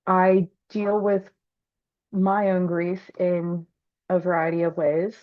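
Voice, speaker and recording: A woman introducing herself on a video call in a hesitant, halting way. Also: lowish voice, level tone, no room sound. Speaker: workshop participant, massage therapist. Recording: tinny phone-like call audio.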